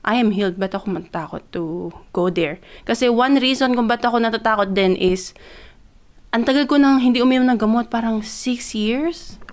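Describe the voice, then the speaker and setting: A young vlogger from the Philippines, her voice a little high and her pace moderate, tells a personal story casually. She mixes Tagalog with English, fills gaps with lots of fillers, and becomes more excited while retelling it.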